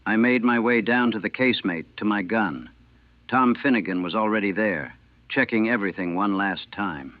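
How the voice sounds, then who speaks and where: A navy veteran, an older man with a low-pitched voice, tells of a battle he lived through, speaking at a moderate pace in clipped, matter-of-fact sentences. The 1940 recording is old, thin, dry and phone-like.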